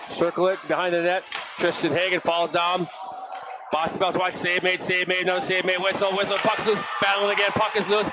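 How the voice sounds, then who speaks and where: A middle-aged man calling live hockey play-by-play, with excitable calls that jump high on big saves. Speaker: play-by-play announcer. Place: ice arena broadcast booth. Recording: noisy arena stream.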